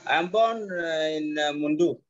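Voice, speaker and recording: A man in his forties from Chad, a native French speaker, answering slowly and hesitantly in English with stammers and pauses. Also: fairly high pitch, dry recording. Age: 40s. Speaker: student. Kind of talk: halting English practice. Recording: dull lo-fi call audio.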